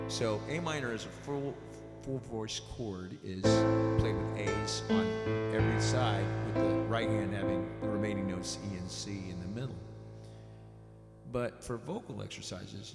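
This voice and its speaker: Man with big hall echo. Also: lowish voice. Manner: relaxed, demonstrates while explaining. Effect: added hall reverb on the voice. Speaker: piano and singing teacher. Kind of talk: casual spoken lesson at the piano. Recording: big echoey hall reverb with loud piano.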